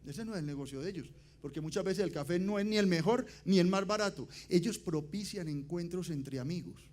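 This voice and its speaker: A man's voice: high voice, a little fast, a little hiss or hum. Emphatic man giving a conference talk. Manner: emphatic, rhetorical questions to the audience; swings between loud emphasis and quiet dropped endings. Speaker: conference speaker.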